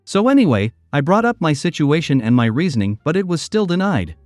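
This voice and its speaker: Reading online posts as stories, the same narrator keeps a steady, even manner and a slightly high male voice, going a little fast. Soft music plays beneath a close, dry recording.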